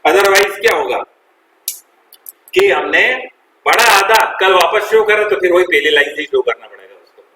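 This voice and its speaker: A man's voice: sits high, moderate pace, bright, forceful tone, roomy sound, low-quality recording. A male chemistry teacher, lecturing a classroom and quizzing the students, repeating their answers and calling them "beta". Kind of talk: classroom lecture with call-and-response.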